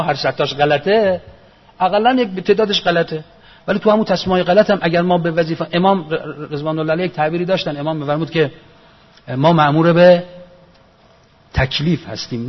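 A man giving a religious lecture in an earnest, reasoning manner, repeating his key phrases for emphasis. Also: on the high side. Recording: echoey hall, dull lo-fi sound.

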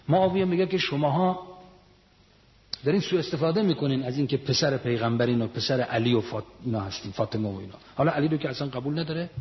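Man preaching in an echoing hall. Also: mid-range voice. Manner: storytelling, rising to emphatic peaks. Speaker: religious lecturer. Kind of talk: sermon. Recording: muffled sound in a reverberant hall.

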